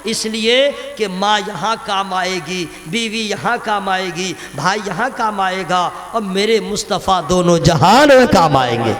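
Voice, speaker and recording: High-voiced man preaching with loud shouts. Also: expressive, measured pace, few pauses. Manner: swings from quiet talk to shouting, calls on the crowd to respond. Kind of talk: fiery sermon to a crowd. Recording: long reverb from a big echoey venue.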